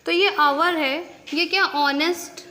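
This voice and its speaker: A woman's voice: very high-pitched, fairly even intonation, slow pace, sharp tone, big-room sound. A woman teaching an English grammar lesson, asking rhetorical questions and answering them herself. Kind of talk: classroom-style grammar lesson.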